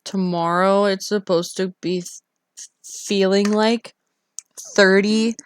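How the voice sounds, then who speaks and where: A woman's voice: medium pitch, steady tone, takes it slowly, clear, resonant tone. A Canadian woman live streamer chatting casually with her viewers, often interrupting herself and reacting expressively.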